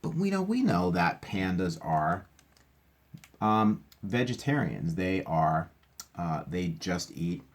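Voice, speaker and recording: A teacher reads a picture book aloud to children in a low, slow, sing-song voice. He adds casual, enthusiastic explanations and asks the listener questions along the way.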